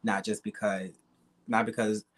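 A man's voice: on the low side, little pitch movement, measured pace. A young man speaks. His talk is casual and candid, full of slang and swearing, and he drives points home by repeating them. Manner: emphatic, repetitive, slangy and profane.

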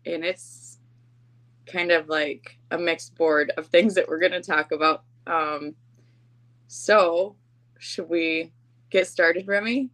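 Woman, somewhat low pitch, podcast co-host, casual conversation, informal, self-deprecating. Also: fairly even intonation, takes it slowly, fairly bright tone. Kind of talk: casual chat.

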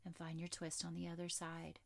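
Female yoga instructor, lowish and creaky, level melody, unhurried guided instruction. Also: completely flat delivery. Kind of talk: slow guided yoga instruction with faith-based encouragement.

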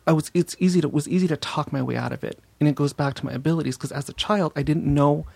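A man's voice: a little high, a little mellow, no room sound. A man from Los Angeles, a psychic medium guest, talking casually with many restarts. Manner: fast, gravelly, hesitant restarts. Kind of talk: casual interview chat.

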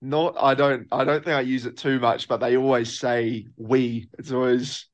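A man's voice: mid-range voice, level tone, normal speed. A young man with a New Zealand accent, a professional rugby player answering interview questions in a loose, laid-back way. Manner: laid-back, loose, lots of filler phrases.

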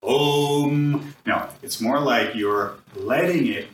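Bright-voiced male sound healer, echoey room. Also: medium pitch, moderate pace, far from the mic, slight background noise. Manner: demonstrates vowel tones by singing them; earnest, ends points with "right?". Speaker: vocal sound healer guest. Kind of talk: guided chakra sound teaching.

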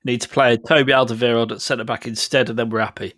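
A man's voice: medium pitch, steady tone, fast talker, fairly bright tone, no room sound, clean studio sound. A man on a football podcast joking and giving blunt opinions, laughing often. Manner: jokey, blunt, laughs a lot. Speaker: podcast co-host. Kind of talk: casual football podcast banter.

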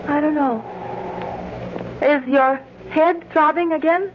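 High, emotional radio-drama wife. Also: female voice, steady tone, slow. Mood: anxious. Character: devoted, anxious, clinging wife, emotional and trusting. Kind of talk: 1940s radio drama acting. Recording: muffled, noisy old radio broadcast recording.

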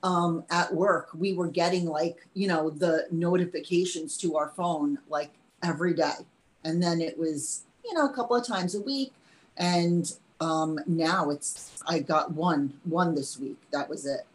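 A woman's voice: fairly low pitch, unhurried, poor audio. A woman from New York chatting casually as a podcast guest from her home studio. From New York, United States. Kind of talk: casual chat. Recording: faint background noise.

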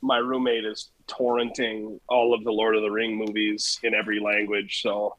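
A man co-hosting a casual podcast chat, heard over a laggy video call, talking in an offhand, quick way. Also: on the low side, monotone, a bit bright, lo-fi sound, slight background noise. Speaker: podcast co-host.

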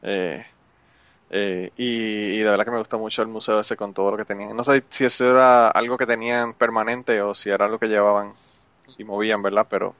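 A man's voice: fairly low pitch, level tone, brisk, fairly bright tone, dry recording, dull audio. A man hosting a casual chat, rambling along with many fillers. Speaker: host.

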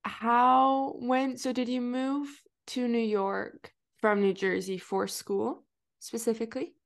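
A young woman hosts a podcast in a casual interview chat, her voice a little high, level in tone and slow. She's chatty, laughs often, and fills her talk with fillers and restarts.

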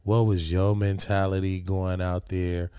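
A laid-back man in his forties hosts the chat, tossing out loose questions and laughing often. His voice is lowish, smooth and resonant. It sounds dry and close, with no room around it. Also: flat delivery, a little slow, warm tone, dry recording. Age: 40s. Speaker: podcast host. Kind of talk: casual interview chat.

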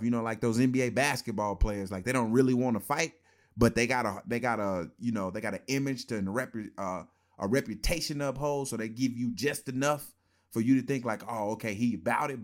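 A man's voice: medium pitch, fairly quick. A man in his thirties with a mid-range voice tells old football stories in a loose, slangy way. He laughs easily and keeps it casual. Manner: laid-back storytelling with laughs and slang. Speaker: former football player and co-host. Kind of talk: casual sports talk.

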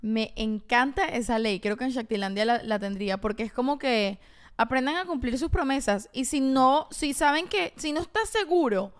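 A woman co-hosts a podcast, making her points in emphatic, opinionated casual chat. Her voice is high and clean, with a smooth, resonant tone. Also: lively intonation, normal speed. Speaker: podcast co-host.

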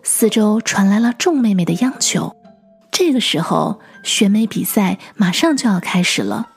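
A woman teacher narrating children's stories in a gentle, expressive, sing-song way and speaking directly to young listeners. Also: mid-range voice, moderate pace, soft background music. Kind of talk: storytelling for children.

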